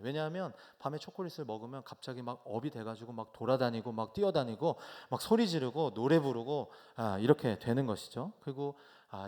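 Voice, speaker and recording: Guy pastor in his 30s giving a sermon in church, tells stories, gets loud then quiet. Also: mid-range voice. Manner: storytelling with sudden loud bursts and soft asides. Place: church sanctuary.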